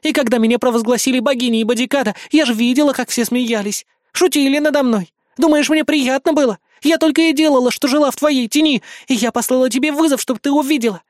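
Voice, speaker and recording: Male reader as hysterical immortal goddess, high-pitched, shouting, dry close read. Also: fast, hardly any pauses, no room sound. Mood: indignant. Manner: shrill, shouting, indignant. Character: hysterical immortal goddess, proud female warrior. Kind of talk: audiobook character voice.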